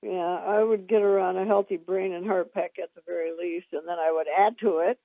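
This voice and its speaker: A woman's voice: on the low side, steady tone, brisk, no echo. Woman, nutrition consultant, matter-of-fact, tinny phone audio. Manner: matter-of-fact, listing products. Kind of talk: on-air advice.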